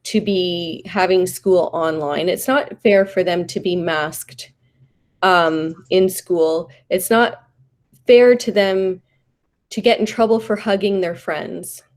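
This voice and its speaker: A woman's voice: on the low side, fairly even intonation, takes it slowly. A woman from Canada, a political candidate, answering a question bluntly and defiantly at a public forum. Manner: blunt, defiant, plain-spoken.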